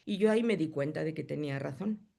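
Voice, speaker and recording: Hoarse woman teaching a coaching class over a video call, gravelly fry in her voice, talks it through step by step. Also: low voice, fast, warm tone. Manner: explains step by step, then reads the chat. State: hoarse, coughing. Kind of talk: live online class.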